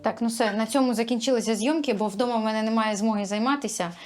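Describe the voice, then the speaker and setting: A woman's voice: a little high, steady tone, very fast, a little mellow. Chatty young woman vlogging over music. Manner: chatty, self-mocking. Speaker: vlogger and singer. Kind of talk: casual self-filmed vlog. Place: indoors at a music studio.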